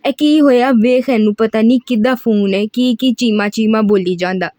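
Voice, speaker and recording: A woman's voice: on the high side, unhurried, mellow, no room sound, clean studio sound, close to an everyday voice. A woman voicing a rustic, scolding Punjabi mother with a Punjabi accent and a thickened voice in an audiobook reading of a novel.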